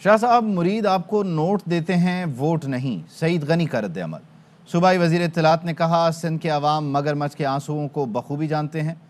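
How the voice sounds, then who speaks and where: A male news anchor reading a television bulletin in a crisp, formal manner. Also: fairly high pitch, normal speed, a little mellow, slight background noise.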